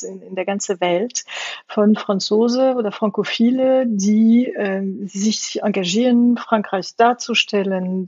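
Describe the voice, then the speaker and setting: Gravelly French-accented middle-aged woman. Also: medium pitch, darkish tone, no echo, muffled recording. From France. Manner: hesitant, many fillers. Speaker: guest, games industry executive. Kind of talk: interview.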